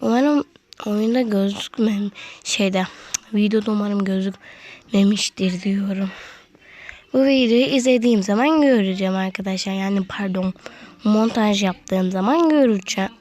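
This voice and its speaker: A woman's voice: medium pitch, unhurried, darkish tone. A woman giving casual gameplay commentary, chatting to viewers and getting easily frustrated with the game. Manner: chatty, talks to viewers as friends. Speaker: gaming video creator.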